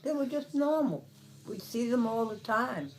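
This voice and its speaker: An elderly woman in her nineties from Brooklyn, reminiscing in a casual interview, haltingly, searching for words and repeating phrases. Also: on the high side, animated, poor audio. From Brooklyn, New York. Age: 90s. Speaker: interviewee recalling the past.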